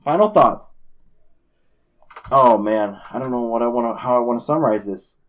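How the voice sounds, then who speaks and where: A man co-hosting a casual podcast, talking in a lively way that often breaks off mid-thought, with casual swearing. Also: mid-range voice, moderate pace, highs cut off. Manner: animated, self-interrupting, swearing. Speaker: podcast co-host.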